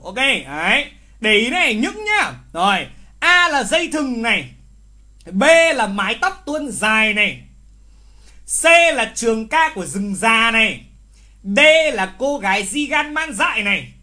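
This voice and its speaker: A very high-voiced man leads a live online literature exam review with lively, teasing energy. He repeats key words and scolds wrong answers with exclamations.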